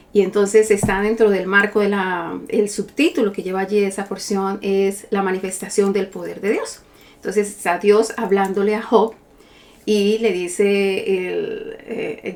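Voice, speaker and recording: Middle-aged woman bible teacher, deliberate scripture reading, rhetorical questions, mid-pitched voice.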